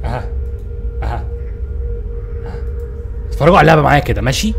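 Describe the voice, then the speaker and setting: A man with an Egyptian Arabic accent, streaming live and commenting on a horror game he plays, excitable and jumpy, yelping when startled. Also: medium pitch, fast talker, creaky, soft background music.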